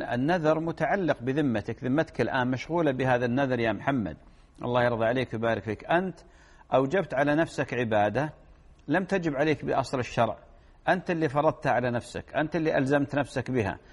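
A middle-aged man, an Islamic scholar, giving steady, explanatory answers to listener questions and quoting scripture on a religious Q&A program. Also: mid-range voice, fast.

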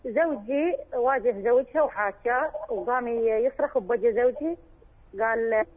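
A woman's voice: on the high side, normal speed, husky. A woman calling in to ask a religious scholar questions, speaking earnestly and pleading, often addressing him as sheikh. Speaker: caller. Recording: tinny phone line.

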